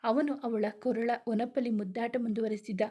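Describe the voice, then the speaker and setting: A woman narrating a romantic audio story at an even, unhurried pace. Her voice sits a little high, and her reading stays gentle and steady.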